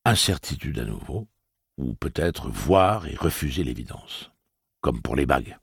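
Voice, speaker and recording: A man reading a novel aloud as audiobook narrator, in a measured storytelling manner. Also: a bass voice, big pitch swings, vocal fry, slightly rough, no room sound, studio quality. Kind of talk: scripted narration.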